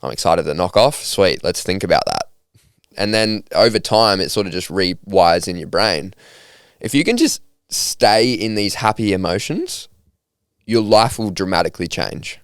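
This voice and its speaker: A young Australian man telling stories in a relaxed, upbeat, slangy conversational way as a podcast guest. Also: low voice, moderate pace, clear, resonant tone, dry recording, studio quality. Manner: laid-back, upbeat slangy talk with frequent laughs. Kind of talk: casual conversational storytelling.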